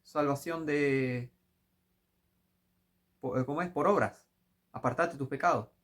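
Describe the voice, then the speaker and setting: This preacher, a man with a medium-pitched voice and a Rioplatense Spanish accent, talks a little slowly. His sermon commentary is critical and scolding, and it swells into impassioned yelling.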